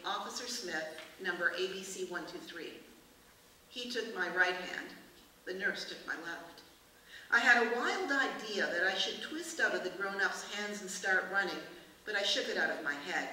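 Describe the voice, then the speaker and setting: A woman author reading aloud from her novel at a book festival, in measured, expressive narration. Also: mid-range voice. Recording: echoey room from far off, hiss.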